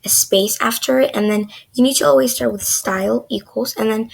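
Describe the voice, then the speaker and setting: A woman's voice: a little high, a little fast, vocal fry, husky. A young woman teaching a beginner coding lesson in a chatty, loose way, full of "like" and "um". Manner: chatty, filler-heavy, says "like" a lot. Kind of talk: casual screen-recorded coding lesson.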